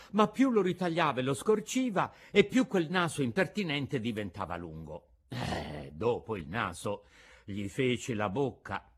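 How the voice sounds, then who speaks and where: A man narrating a storybook in a lively, theatrical and playful way. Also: mid-range voice. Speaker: audiobook narrator.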